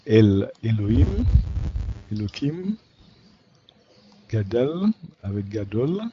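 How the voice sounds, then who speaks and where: Slow, low-voiced male student. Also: sing-song, dull audio, a little hiss or hum. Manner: hesitant, repeats words after the teacher. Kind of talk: answering exercises in a lesson.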